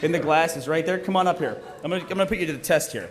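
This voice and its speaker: A man with a high-pitched voice races through his lines as he hosts a live table read, teasing and joking with the audience. It's picked up through a live stage PA, with background noise clearly audible.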